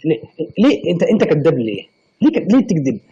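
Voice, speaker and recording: Brief: young Egyptian male streamer, quick and husky, mellow tone, mock-angry teasing. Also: a little high, very animated, muffled recording. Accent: Egyptian Arabic. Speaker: livestream host. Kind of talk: casual live-stream chat.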